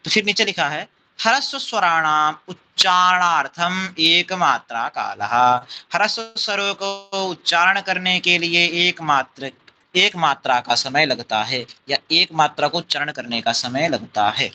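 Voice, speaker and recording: A man teaching Sanskrit grammar in an unhurried lecture, explaining each term step by step, repeating it, and checking with his class through quick questions. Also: on the high side, animated, pushed and bright, slight background noise, rough recording.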